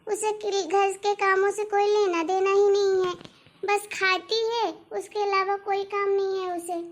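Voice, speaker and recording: A woman's voice: very high voice, level tone, unhurried. A woman voicing a nagging middle-aged mother-in-law in a cartoon story, complaining and dramatic. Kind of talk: cartoon voice acting.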